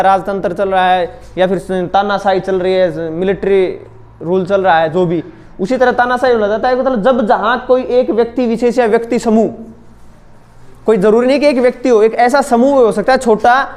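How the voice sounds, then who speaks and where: A young man teaching a school class, explaining terms step by step and asking his students questions. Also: high voice. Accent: Hindi-English mix. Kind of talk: classroom lecture.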